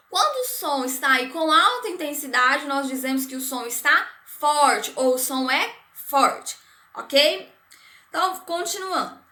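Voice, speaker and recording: A Brazilian woman teaching a recorded primary school science lesson. Her voice is high and bright. She explains things step by step, repeating herself and checking with the class, and the sound has the echo of a room. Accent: Brazilian Portuguese. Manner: patient, repetitive explaining with frequent "né?" and "certo?".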